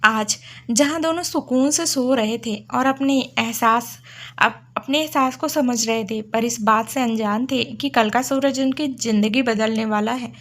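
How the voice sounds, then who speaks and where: A woman tells a scripted romantic story in a steady, expressive way. Her voice sits a little high. She moves the tale along in even narration. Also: measured pace.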